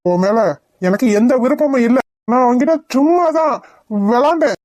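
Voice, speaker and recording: A woman's voice: high voice, animated, normal speed, mellow, dry recording. A woman voicing a playful, blunt young village man in a cartoon, with a brusque, teasing delivery. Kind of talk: cartoon voice acting.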